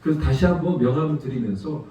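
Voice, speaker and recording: A man's voice: a little high, fast, dark tone, slight background noise. A middle-aged man preaching a sermon as a guest missionary. He tells a personal story and puts rhetorical questions to the congregation. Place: church sanctuary. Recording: echoey church hall from far off.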